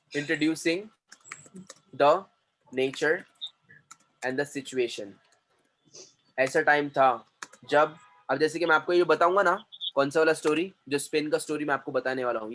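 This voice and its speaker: A man's voice: a little high, a bit bright, poor audio. A man teaching a class on storytelling as a communication trainer. He repeats key terms and keeps checking in with listeners.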